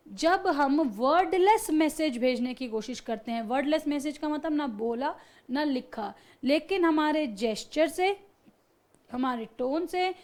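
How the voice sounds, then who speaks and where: A woman teacher with a high voice gives a lecture, taking her time over each point. She moves between Hindi and English and leans on single words to show how stress changes a meaning. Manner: explains slowly, mixing Hindi and English. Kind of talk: classroom lecture.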